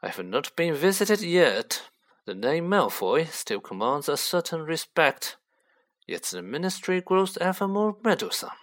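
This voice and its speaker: In this storybook reading, a man pushes his voice up to a fairly high, slightly bright pitch. He plays an icy, snobbish wizard father of noble rank who talks down to others with clipped, scornful contempt.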